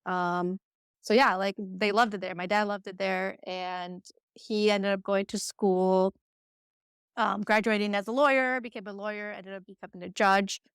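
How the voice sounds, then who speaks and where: A woman's voice: medium pitch, fairly even intonation, normal speed, clear, resonant tone, dry recording, studio quality. A woman in her thirties, born in Croatia and raised in Michigan, chatting casually as a podcast guest with lots of filler words. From born in Croatia, raised in Michigan, United States. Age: 30s. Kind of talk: casual interview chat.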